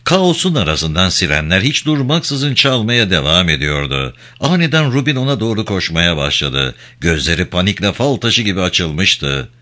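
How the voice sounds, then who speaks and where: A male audiobook narrator giving a dramatic, expressive reading. His voice sits low but sounds bright, and his pitch moves a lot as the tension builds. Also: moderate pace, few pauses. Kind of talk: scripted narration.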